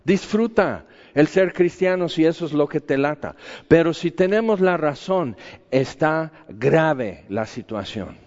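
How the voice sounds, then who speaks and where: A man's voice: a little high, animated, unhurried, a little mellow. A man preaching a sermon in a conversational, argumentative way, full of rhetorical questions. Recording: echoey hall, dull lo-fi sound.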